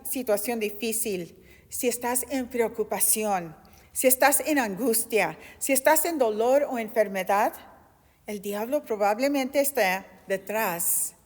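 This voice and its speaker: A woman in her fifties preaching a sermon and giving an earnest, impassioned personal testimony. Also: medium pitch. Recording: long hall reverb.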